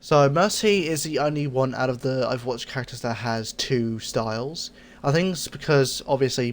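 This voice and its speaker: An easygoing man talks through a casual game cosmetics review at a middle pitch. He repeats his phrases and stops to fix his own slips. A faint hiss sits under the voice. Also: gravelly. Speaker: gaming channel host.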